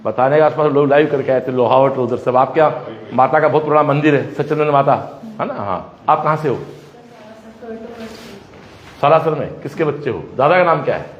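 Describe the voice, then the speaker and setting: A man's voice: medium pitch, brisk, long pauses, lo-fi sound. A man walks through a school, chatting with students and talking to the camera. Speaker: coaching and school founder touring his campus. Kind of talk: live walkthrough vlog. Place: school classrooms and corridors.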